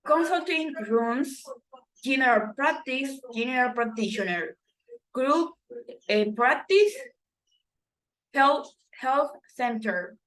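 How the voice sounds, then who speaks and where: Slow, halting woman reading a textbook. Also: sits high, expressive, a bit bright, rough recording. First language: Spanish. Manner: halting, self-correcting reading with restarts. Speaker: student reading textbook exercises.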